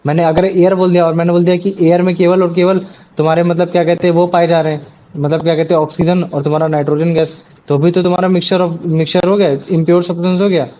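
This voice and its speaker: A man's voice: high-pitched, little pitch movement, fairly quick, dark tone. A man teaching a science class, explaining step by step and often checking with his students. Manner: explains with many tag questions. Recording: dull lo-fi audio.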